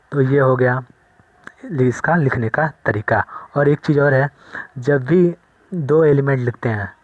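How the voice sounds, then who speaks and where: A male maths teacher talks through a board lesson at an unhurried pace. He repeats each step and keeps checking that students follow along. His voice sits at a middle pitch and is recorded dry and close, with no room echo. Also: dull audio. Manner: slow, repetitive explaining with frequent check-ins.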